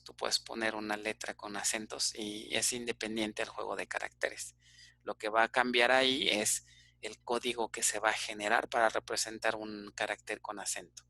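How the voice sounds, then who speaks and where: A man's voice: fairly low pitch, pushed and bright, no room sound. A man with a Mexican Spanish accent teaching an online database class, explaining step by step and checking in with frequent "ok?" fillers.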